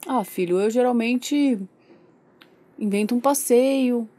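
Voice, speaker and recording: Woman putting on a soft low dad voice, calm and patient, giving advice. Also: slow pace. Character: calm patient middle-aged father.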